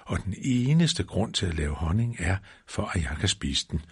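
A man's voice: low voice, sing-song, vocal fry, husky, heavily acted. A man voicing a simple, honey-loving male teddy bear who muses aloud and hums little rhymes in a storybook reading. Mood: pondering. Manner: musing aloud, sing-song rhymes.

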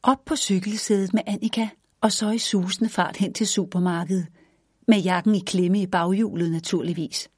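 A woman narrating a children's storybook in a gentle, even read-aloud manner. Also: medium pitch, husky, no echo, clean studio sound.

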